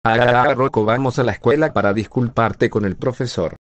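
A man's voice: medium pitch, moderate pace, no echo, close to an everyday voice. Filburt: male TTS voice as a stern scolding friend. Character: stern young male friend who doles out punishment. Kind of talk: text-to-speech cartoon fan video.

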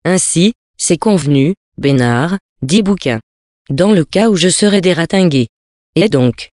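A man's voice: a little high, animated, a little slow, a little mellow, no room sound, clean studio sound. Man reading a sea story aloud. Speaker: reader.

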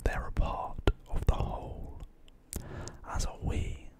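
A man in his twenties gives a whispered, gentle and reassuring pep talk in a breathy, rambling ASMR style, close to the microphone. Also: slow. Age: 20s. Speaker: ASMR creator. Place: small quiet bedroom. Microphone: close large studio microphone on desk.

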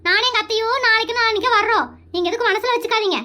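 A woman's voice: very high-pitched, pushed and bright. A woman playing a suspicious, nagging wife in a comedy skit. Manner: nagging, suspicious, quick-witted.

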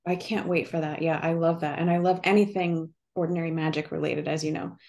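A woman's voice: deep voice, fairly even intonation, fairly quick, gravelly, darkish tone, slight background noise. A woman hosting an interview in a casual, affirming, conversational way. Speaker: host.

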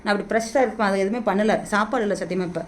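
A middle-aged woman vlogging into a hand-held phone, making an emotional, repetitive plea to be paid back. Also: mid-range voice. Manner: pleading, repetitive, rapid-fire and agitated. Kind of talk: emotional direct-to-camera plea.

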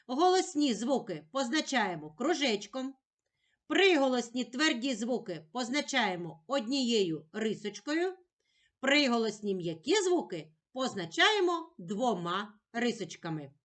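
A woman teaching a slow lesson for young children, sounding out words patiently. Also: fairly high pitch, big pitch swings, fairly bright tone.

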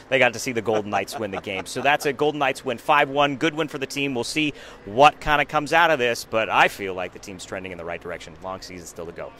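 A man's voice: on the low side, a little hiss or hum. A man in his thirties hosting a casual post-game sports chat, recorded on a phone held at arm's length rinkside in an empty hockey arena. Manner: upbeat, lively, jokey interviewer. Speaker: sports show host.

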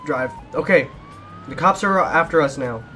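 A man's voice: fairly high pitch, normal speed, sharp tone, faint music behind. A young man giving casual gameplay commentary while driving from police, often repeating himself when things go wrong. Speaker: gaming YouTuber.

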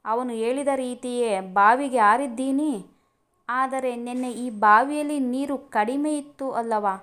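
A woman's voice: fairly high pitch, measured pace, fairly bright tone. A woman voicing a naive, clumsy young woman in a storybook reading. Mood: bewildered. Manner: bewildered, innocent.

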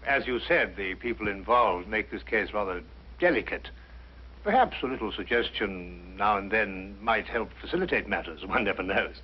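Actor as blustery British Doctor Watson, animated, muffled soundtrack. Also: male voice, lowish voice, normal speed, lightly acted. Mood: helpful, tactful. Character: bluff, eager gentleman doctor, loyal sidekick. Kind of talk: 1950s television drama acting. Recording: muffled 1950s television soundtrack, music.

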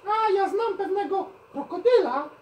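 A woman doing Uszak, a very high-voiced naive young hare. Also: expressive, moderate pace, darkish tone, a little hiss or hum. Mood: curious. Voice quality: high childlike voice, mishears words. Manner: eager, playful, asks many questions. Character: curious naive young male hare puppet. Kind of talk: children's puppet show. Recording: roomy, from a distance.

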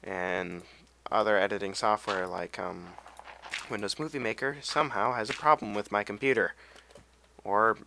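A man's voice: fairly low pitch, fairly even intonation, moderate pace, creaky, bright, forceful tone, a little hiss or hum. Young man rambling over gameplay. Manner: rambling, goes off on tangents, hums and sings to himself. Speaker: gameplay commentator. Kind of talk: casual gameplay commentary.

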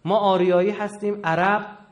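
A man giving a political lecture, impassioned and swinging from low mutters to loud outbursts, acting out quoted voices with humor. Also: fairly even intonation.

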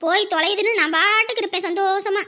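A woman's voice: extremely high pitch, fast, bright, forceful tone. A woman voicing a scheming, fretful stepmother in a cartoon drama. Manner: whining, fretful.

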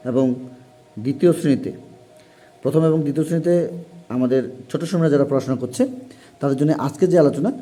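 A man teaching a spelling lesson in a formal, repetitive way, with frequent pauses. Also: medium pitch, warm tone. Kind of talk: classroom lesson for parents and young pupils.

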